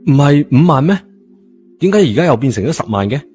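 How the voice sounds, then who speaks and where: A fairly quick, higher-pitched male voice with wide swings in pitch and a somewhat dark tone. He speaks with a Cantonese accent, reading a scripted story aloud in a colloquial style like an audiobook narrator. The narration sounds muffled and sits over a bed of music.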